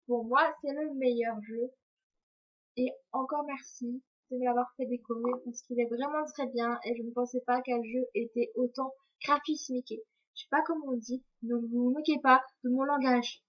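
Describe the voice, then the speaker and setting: In a casual vlog, a young woman with a slightly high voice talks to the camera and rambles through questions from viewers. She stumbles over words and laughs at her own mistakes. The audio is dull and lo-fi, as if from a cheap webcam mic.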